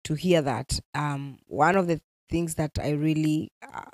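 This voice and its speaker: This young Kenyan woman, a gospel musician whose native language is Swahili, talks animatedly as a guest in a casual interview, mixing in Swahili phrases. She has a Kenyan accent and a low voice, speaking a little slowly. The studio sound is clean, with no echo.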